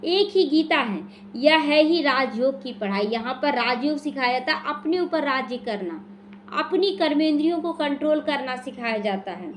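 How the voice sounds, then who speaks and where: Explaining the daily murli in a small prayer hall, a spiritual teacher from India speaks at normal speed in a high-pitched voice with lively intonation. She unpacks scripture for her devotional class and answers questions she raises herself; slight background noise is present.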